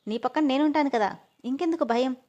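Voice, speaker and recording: A man's voice: extremely high pitch, fast talker, a little mellow. A woman voicing a stubborn young male boss who speaks firmly and insistently. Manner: firm, insistent. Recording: dull lo-fi audio.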